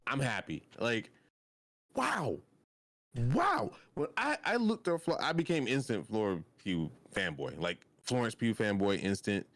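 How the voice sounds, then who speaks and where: A young man co-hosting a podcast, talking in an excitable, gushing way that often trails off mid-sentence. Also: fairly low pitch, normal speed, few pauses, dry recording. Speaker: podcast co-host. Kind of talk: casual chat.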